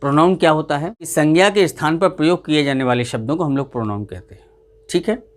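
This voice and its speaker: A man teaching a grammar lesson, addressing viewers as friends and slowly repeating example sentences. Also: on the high side.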